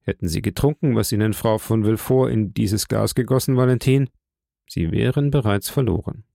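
A grave, commanding nobleman, read by a man in an audiobook, speaking with measured solemnity. The voice is low and gravelly, dark in tone. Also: no echo, studio quality. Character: calm, commanding older nobleman protector. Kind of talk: audiobook character reading.

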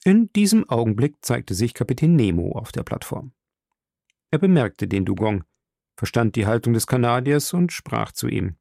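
Gravelly male audiobook narrator. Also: medium pitch, sing-song, dark tone, dry recording, clean studio sound. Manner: measured storytelling. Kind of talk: scripted narration.

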